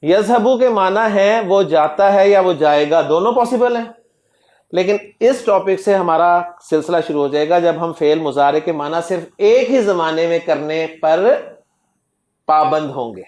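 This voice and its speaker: A man teaching Arabic grammar in a classroom lecture. He drills word forms slowly and keeps quizzing his students. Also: high voice, a little mellow. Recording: echoey classroom recording.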